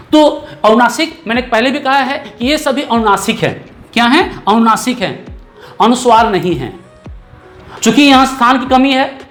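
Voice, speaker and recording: A man's voice: very high voice, a bit bright. A man teaching a grammar lesson, explaining patiently, repeating key terms and checking in with the class. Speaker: Hindi teacher.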